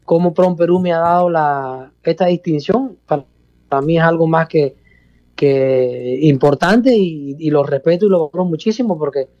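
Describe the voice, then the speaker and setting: A man's voice: fairly high pitch, normal speed, mellow, highs cut off. A middle-aged Cuban man with a Cuban accent, talking casually as a guest in an interview, expansive and repetitive. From Cuba. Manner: expansive, repeats himself, calls host "hermano". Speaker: salsa bandleader guest.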